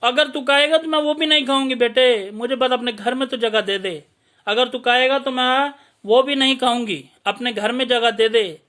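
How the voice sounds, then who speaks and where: Elderly mother, soft-spoken and pleading, voiced by a man telling a story; high, bright tone. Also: normal speed. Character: elderly mother, pleading, devoted to her son.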